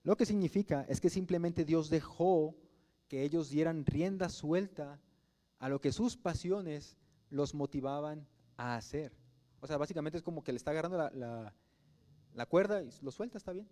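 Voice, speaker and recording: A man's voice: a little high, moderate pace, mellow. A Mexican man preaching a sermon as pastor, talking in a conversational way and putting rhetorical questions to the congregation.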